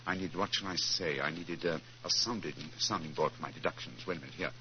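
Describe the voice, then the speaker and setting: Crisp, bright-voiced English detective, Sherlock Holmes. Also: male voice, a bass voice, fast talker. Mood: brisk, analytical. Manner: clipped, deductive, commanding. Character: brisk, assured male English detective in disguise. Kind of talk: 1940s radio acting. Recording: muffled, noisy 1940s radio recording.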